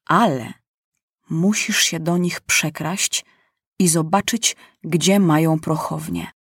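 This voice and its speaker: A woman voicing a smooth, cunning enemy staff officer with a coaxing, persuasive manner, in a storybook reading. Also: low voice, fairly even intonation, takes it slowly, dry recording, clean studio sound, full character voice.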